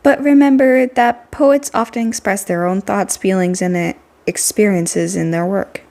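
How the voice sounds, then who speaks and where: A woman voicing a shy, formal, soft-spoken teenage girl from a game, polite and hesitant. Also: medium pitch, unhurried, gravelly. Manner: hesitant, polite, self-deprecating.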